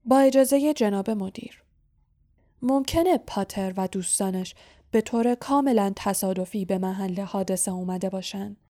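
A woman's voice: medium pitch, warm tone, close to an everyday voice. Woman playing a cold, sneering schoolmaster. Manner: cool, insinuating, probing questions. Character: sneering male teacher, cold and suspicious.

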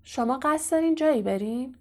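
A woman's voice: high-pitched, lively intonation, voice pushed up. A woman voicing an earnest, indignant teenage boy wizard confronting his teacher. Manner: earnest and accusing.

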